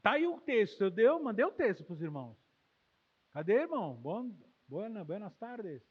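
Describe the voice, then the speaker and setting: A Brazilian man preaching a sermon as pastor, emotional, swinging from loud exclamations to quiet, intimate tones. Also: high-pitched, very animated, moderate pace, slightly rough. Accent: Brazilian Portuguese. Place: church hall. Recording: long hall reverb, dull lo-fi sound.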